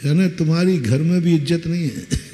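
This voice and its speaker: A man giving a sermon as a Jain monk, telling stories slowly and acting out quoted speech. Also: fairly high pitch, slight background noise. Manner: slow, lively storytelling with acted quotes. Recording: long reverb, faint ambience.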